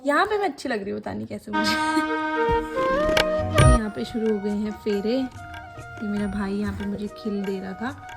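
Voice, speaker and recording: Over clear background music, a young vlogger from Uttarakhand, India, casually talks through her wedding photos with a little laughter, in a voice-over made away from the wedding. Her pitch is medium, her speed normal, and she leaves long pauses.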